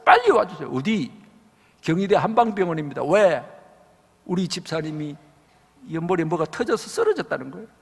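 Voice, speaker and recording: A male pastor preaching a revival sermon, telling stories dramatically and acting out the voices of the people in them, swinging from loud to hushed. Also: on the high side, vocal fry, breathy edge. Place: large church sanctuary. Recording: church hall with long reverb.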